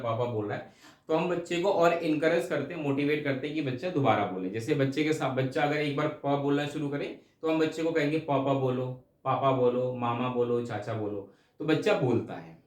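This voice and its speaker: Here a male teacher preps students for an exam, explaining each point again and frequently checking in with them. He has a fairly high-pitched, darkish voice, and the recording is reverberant.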